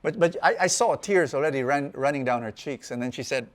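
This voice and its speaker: A middle-aged man preaches in an animated storytelling way. His voice sits mid-range, and he stumbles over and repeats words as he builds the story. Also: mid-range voice, brisk. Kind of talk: storytelling sermon talk.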